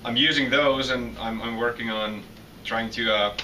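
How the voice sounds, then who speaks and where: A man's voice: mid-range voice, steady tone, moderate pace, bright, forceful tone. Hesitant Finnish-accented young man. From Finland. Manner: hesitant, many restarts and repeated words. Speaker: PhD student guest. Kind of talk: interview answers. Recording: distant mic with faint noise.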